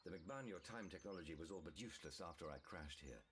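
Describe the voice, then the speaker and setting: An actor playing a weary older male scientist, a former foe, soft-spoken and placating. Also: sits low, expressive, fast, slight background noise. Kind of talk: audio drama acting.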